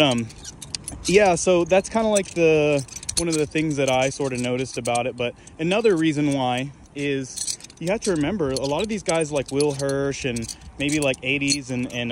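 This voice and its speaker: A young man talking casually on camera about his hobby, in a laid-back style full of fillers. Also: mid-range voice. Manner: laid-back, filler-heavy, lots of "like" and "you know what I'm saying". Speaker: balisong flipping YouTuber. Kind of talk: casual rambling vlog talk. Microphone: camera mic while flipping on camera. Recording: noisy background, traffic and jangling sounds.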